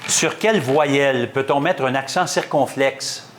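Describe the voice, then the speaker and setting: A man with a Québécois accent hosting a school quiz game, reading questions and ruling on answers at a quick clip. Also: mid-range voice, a little hiss or hum. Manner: brisk, quick-paced quizmaster, reads questions and rules on answers. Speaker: quiz show host.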